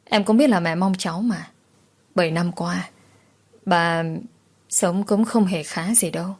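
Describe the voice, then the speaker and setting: Woman doing a gentle, placating young husband in an audiobook, low-pitched voice. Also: a little slow. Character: conciliatory young husband soothing his wife.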